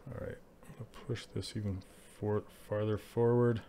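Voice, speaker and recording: A man's voice: lowish voice, flat delivery, normal speed, dark tone, slight background noise. Chatty man teaching 3D sculpting live. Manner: chatty, laughs often, answers chat while working. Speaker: 3D art instructor streaming live. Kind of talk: casual live-stream tutorial.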